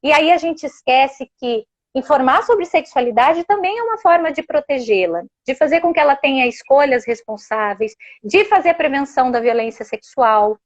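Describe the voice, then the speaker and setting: Animated woman with a lively, high voice. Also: moderate pace, hardly any pauses, lo-fi sound. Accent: Brazilian Portuguese. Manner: animated, explanatory, uses many tag questions. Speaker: sex education guest expert. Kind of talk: casual educational chat.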